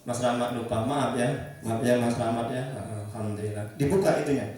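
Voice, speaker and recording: A man preaching and counseling a small congregation in a gentle, repetitive way, often asking his listeners questions. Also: mid-range voice, steady tone, fairly quick. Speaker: Islamic preacher leading a ruqyah session. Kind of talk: religious counseling talk to a congregation. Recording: echoey room, distant mic, faint music.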